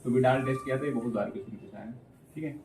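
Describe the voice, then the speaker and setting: A male biology teacher giving an exam-prep lecture, drilling key terms, checking in with "theek hai" constantly, and reading English phrases slowly word by word. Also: medium pitch, distant mic. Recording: roomy, from off the mic, faint room hum.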